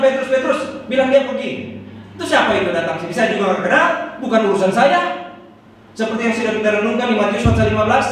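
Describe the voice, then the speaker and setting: A man preaching a Sunday sermon as pastor, acting out quoted prayers with lively emphasis. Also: extremely high pitch, slight background noise. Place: church hall. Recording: echoey church hall from far off.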